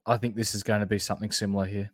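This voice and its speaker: Male co-host, broad Australian accent, fairly low pitch, informal slangy analysis, dry close recording. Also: level tone, very fast, breathy edge, dry recording. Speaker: sports podcast co-host. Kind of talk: casual basketball analysis chat.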